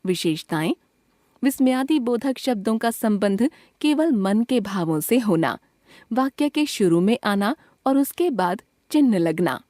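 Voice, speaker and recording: A woman reads a school grammar lesson aloud from a script, going slowly and deliberately through lists of words with pauses between them. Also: fairly high pitch, expressive, dark tone, no room sound, studio quality. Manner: slow, deliberate list reading with pauses. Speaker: textbook narrator.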